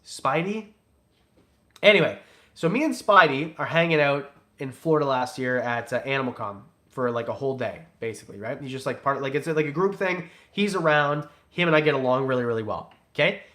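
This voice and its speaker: Fairly quick and sharp in tone, with a mid-range voice, a young man who breeds reptiles and hosts a channel reads out donations on a casual livestream. His chat is loose, jokey, and rambling.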